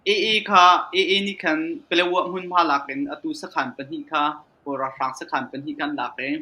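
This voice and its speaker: A man speaking in a panel discussion in an animated way. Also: on the high side, quick pace.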